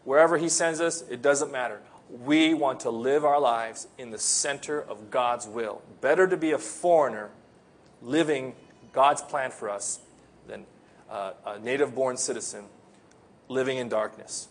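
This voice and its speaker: Preaching an earnest sermon, a pastor originally from the Philippines who grew up in America slows down to stress his key points. He has an American accent and a medium-pitched voice.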